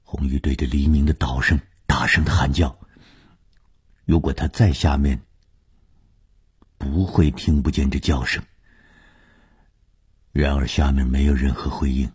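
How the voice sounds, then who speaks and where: A man narrating a suspense story for radio, reading dramatically and dropping to a hush in tense passages. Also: rumbling low, steady tone, a little slow, long pauses, husky.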